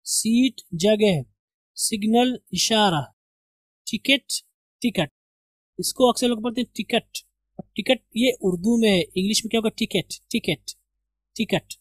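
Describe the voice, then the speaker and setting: A man's voice: high voice, dry recording, rough recording. Indian man drilling English pronunciation. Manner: repeats words slowly to drill pronunciation. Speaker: English teacher. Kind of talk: language lesson.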